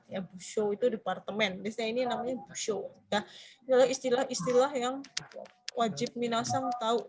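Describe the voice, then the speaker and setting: This is a woman teaching business Japanese, explaining things in Indonesian and putting questions to her students. She has an Indonesian accent and a somewhat high voice.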